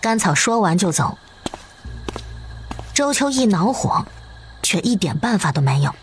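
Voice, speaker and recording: Expressive woman narrating a cartoon. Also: mid-range voice, unhurried, a little hiss or hum. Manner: expressive, story-reading. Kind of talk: storytelling narration.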